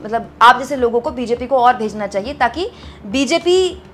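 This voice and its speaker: A woman's voice: on the high side, normal speed, fairly bright tone, slight background noise. A woman commentating on political news, reading out viewer comments and chatting to her audience as friends, with frequent hesitations.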